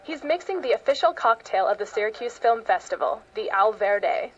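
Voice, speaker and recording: American woman, public radio host reading a scripted report, voice on the high side, slightly lo-fi audio. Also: lively intonation, normal speed. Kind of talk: scripted public radio news feature narration.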